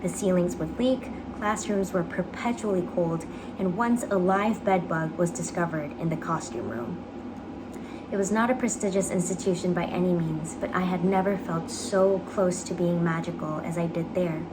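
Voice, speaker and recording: Clear background noise surrounds a young woman with a fairly low voice. She reads a personal essay aloud as a dramatic piece. Her phrasing is earnest, measured and careful. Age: young adult. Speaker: actor reading own application essay. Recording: clearly noisy background ambience.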